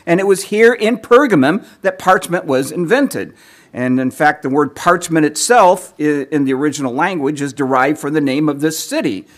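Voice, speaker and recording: Guy preaching, kinda higher voice, keeps clearing his throat, voice going hoarse. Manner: measured lecturing with occasional throat clearing. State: losing his voice. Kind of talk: sermon teaching.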